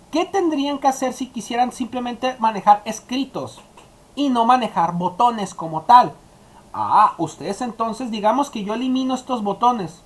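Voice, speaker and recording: Woman explaining a coding tutorial. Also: a little high. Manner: explaining step by step, addressing students directly. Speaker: teacher. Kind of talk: screen-recorded coding tutorial.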